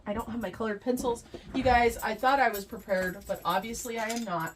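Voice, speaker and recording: A woman's voice: medium pitch, a bit bright. Congested woman chatting to her viewers. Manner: chatty, addresses viewers as "you guys". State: congested from a cold. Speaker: budgeting channel host. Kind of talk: casual budgeting vlog.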